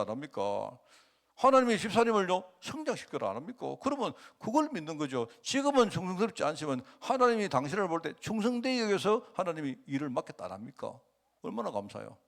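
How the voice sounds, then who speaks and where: A middle-aged male pastor giving a conversational sermon, asking rhetorical questions and acting out quotes. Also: a little high.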